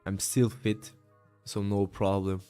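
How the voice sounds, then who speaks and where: Over soft background music, a late-twenties man tiredly chats through his trades on a live stream after a long session, answering viewers he calls "bro" amid many fillers. He speaks slowly in a lowish, mellow, clear and resonant voice with little pitch movement.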